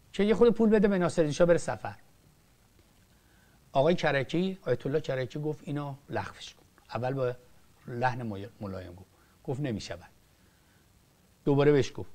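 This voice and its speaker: Older male film director, emphatic, passionate speaker, somewhat high pitch, stumbles and restarts. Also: a little mellow. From Iran. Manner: emphatic, rising and falling sharply, frequent restarts. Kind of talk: impassioned political commentary.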